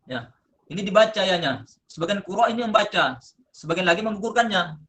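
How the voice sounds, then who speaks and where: A man presenting a lesson on recitation, explaining step by step and slowly chanting drawn-out example words. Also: high-pitched, animated, bright, forceful tone. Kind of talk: classroom-style lesson presentation.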